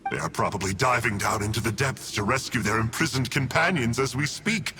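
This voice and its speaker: Voicing the same sort of video game role, a scheming, smug male villain of a dark order, this man sounds taunting, expressive, and fairly quick, with swooping pitch and a natural voice. His breezy, theatrical mockery toys with listeners over music and background noise.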